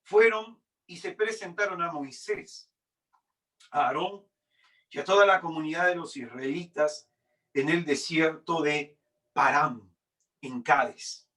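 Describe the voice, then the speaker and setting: A man reads a Bible passage as a preacher, slow and deliberate. His fairly high voice rises and falls sharply in loudness. He sounds set back from the microphone. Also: far from the mic. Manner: deliberate dramatic reading with swings in loudness. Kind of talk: Bible reading in a sermon.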